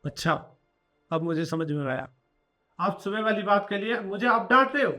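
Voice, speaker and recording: A man's voice: high-pitched, lively intonation, moderate pace, bright, forceful tone, faint music behind. A man playing a working son and husband who argues back with his mother and then apologizes. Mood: defensive. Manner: defensive, pleading. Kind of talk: short family drama acting.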